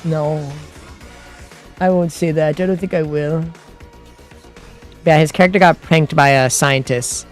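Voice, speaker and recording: A man's voice: on the high side, steady tone, measured pace, pauses often, soft background music. A man chatting casually with his stream viewers, rambling with lots of fillers and restarts, and sounding exasperated. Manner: grows heated and exasperated. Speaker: livestream host.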